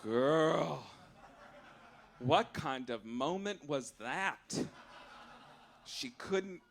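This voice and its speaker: Extremely slow and animated, a male comedian speaks in a slightly high voice with vocal fry, against slight background noise. He is hosting a live show on a cabaret stage, delivering satirical mock-official rulings to the audience in a campy, arch, theatrical style.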